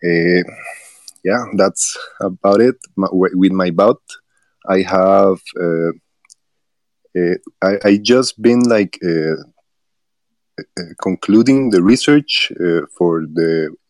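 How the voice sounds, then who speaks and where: Deep-voiced man, dry. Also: no room sound. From Costa Rica. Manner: halting, frequent fillers and restarts. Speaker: guest developer. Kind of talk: podcast interview.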